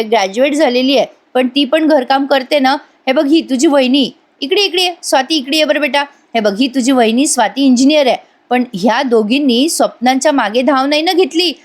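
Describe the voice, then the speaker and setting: A woman voicing an older father who gently lectures his daughter, in a retold TV serial. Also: high-pitched, close to an everyday voice. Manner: coaxing, lecturing.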